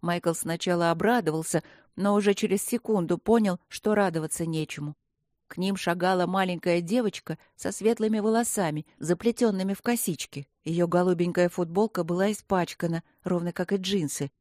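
A woman narrating a fantasy story in an expressive storytelling manner. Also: lowish voice, normal speed, dry recording, studio quality.

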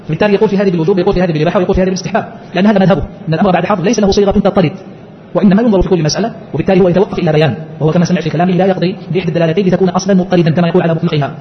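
Racing through a scholarly text, a male teacher raises questions and then answers them, his voice a little high and his intonation fairly even. It's a dull, lo-fi lecture recording with a faint background hiss.

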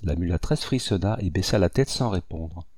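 Male audiobook reader, low and mellow, dry close sound, measured delivery. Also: expressive, dry recording. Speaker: audiobook narrator. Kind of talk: scripted literary narration.

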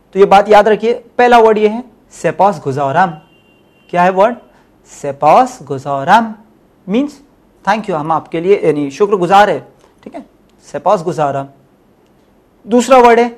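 A man teaching a Farsi class, drilling syllables slowly and explaining in a mix of Urdu and English. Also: sits high. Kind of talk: language lesson.

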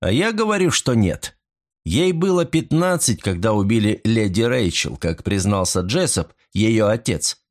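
A man's voice: lowish voice, very animated, measured pace. A man voicing a stern male detective who speaks in clipped, emphatic sentences in an audiobook.

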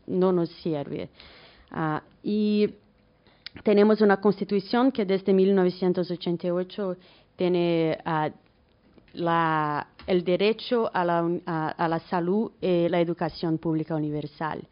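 A woman from Brazil with a Brazilian Portuguese accent, giving a conference talk in a halting mix of Spanish and Portuguese. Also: on the low side, fairly even intonation, dull audio. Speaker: academic speaker, economist.

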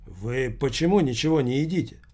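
A man voicing a cafe owner's son who threatens a guest, in a raised, higher voice. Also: expressive, fairly quick, dark tone, lightly acted. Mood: menacing calm. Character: younger man, cafe owner's son, calm then shouting.

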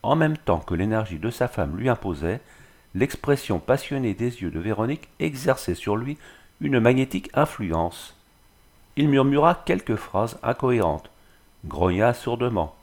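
A man narrating a classic novel in a measured, expressive way. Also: fairly low pitch. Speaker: audiobook narrator. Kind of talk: scripted literary narration.

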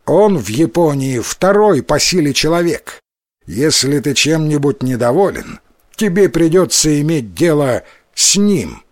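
Man reading a proud storybook strongman, loud, raised pitch, mocking. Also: big pitch swings, unhurried, no echo, studio quality. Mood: boastful. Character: boastful mighty young male folk-tale strongman.

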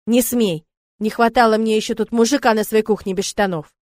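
A woman reads a brisk, sharp-tongued economist who scolds in a tart way. The voice is a little high. It is recorded close and dry in an audiobook telling. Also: animated, no echo, natural voice. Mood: scolding. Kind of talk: audiobook character voice.

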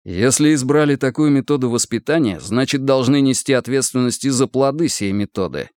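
Reader as a measured, formal soldier, near his own voice, dry sound. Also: mid-range voice, darkish tone, no room sound, close to an everyday voice. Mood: stern. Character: calm principled young male soldier.

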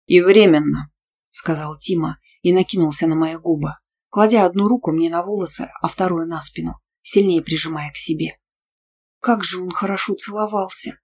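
Woman narrator, lowish pitch, first-person romance audiobook, expressive delivery. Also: normal speed, a little hiss or hum.

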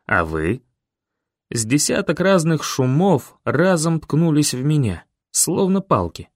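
A man narrating an audiobook in a steady, expressive reading style. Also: a little high, measured pace, no echo, clean studio sound. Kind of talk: scripted narration.

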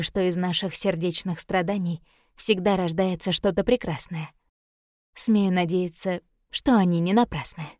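Low-voiced woman reading a novel. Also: warm tone, dry recording, studio quality. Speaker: audiobook narrator. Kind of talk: scripted narration of a romance novel.

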